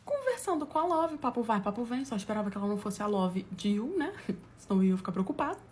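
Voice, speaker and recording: Fast-talking Brazilian woman telling a story. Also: mid-range voice, slight background noise. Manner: animated, laughs at her own story, acts out quotes. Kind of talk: casual comic storytelling.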